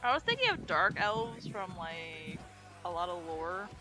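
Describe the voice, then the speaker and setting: A woman's voice: lowish voice, big pitch swings, measured pace. Playful rambling woman streamer. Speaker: artist, streamer. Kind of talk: casual chat while drawing. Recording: faint music behind.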